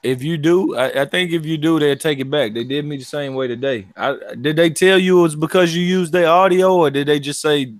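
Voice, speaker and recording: A man in casual chat about a fight, loud in his opinions and liberal with his swearing. His voice jumps upward when he gets heated. The sound is dry and close to the mic, with no room around it. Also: brisk, hardly any pauses, no room sound. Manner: animated, profane, jumps up in pitch when excited. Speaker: boxing livestream co-host.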